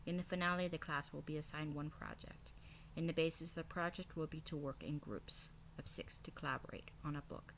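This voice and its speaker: A woman speaking as a kindergarten teacher, reading out a lesson plan in a halting, item-by-item way. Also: deep voice, fairly bright tone, slight background noise, low-quality recording.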